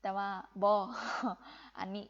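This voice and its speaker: A woman's voice: slow, highs cut off. A young woman from Laos teaching Vietnamese in a live-streamed lesson, encouraging and repeating phrases for emphasis.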